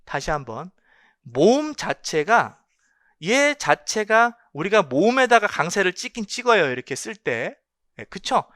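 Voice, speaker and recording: Male exam-prep lecturer, high bright voice, emphatic and repetitive. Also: big pitch swings, unhurried, dry recording, clean studio sound. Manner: emphatic, asks rhetorical questions and repeats key points. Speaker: English linguistics lecturer.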